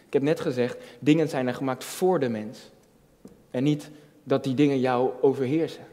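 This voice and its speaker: A man's voice: mid-range voice, fairly even intonation, moderate pace, dark tone. Dutch-style preaching man, hall reverb. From Netherlands. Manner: conversational preaching, many restarts, building to emphatic peaks. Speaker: youth pastor. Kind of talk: sermon.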